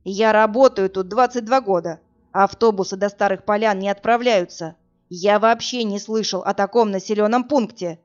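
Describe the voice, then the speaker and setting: A woman's voice: mid-range voice, close to an everyday voice. Brief: woman narrator doing a bored, indifferent male police captain, middle-aged, in a muffled recording. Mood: weary, dismissive. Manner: bored, dismissive, unhurried. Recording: dull lo-fi audiobook recording.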